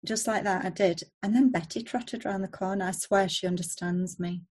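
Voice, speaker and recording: A woman's voice: mid-range voice, steady tone, normal speed, darkish tone. A woman guest in casual chat who talks chattily and laughs easily.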